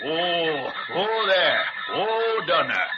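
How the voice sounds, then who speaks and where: An actor playing a hearty, chuckling old Santa Claus in a 1930s radio serial. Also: male voice, on the high side, sing-song, drawn-out words, loud music behind the voice, exaggerated voice. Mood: excited. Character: jolly old Santa Claus driving his sleigh. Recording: muffled old radio recording with loud hiss.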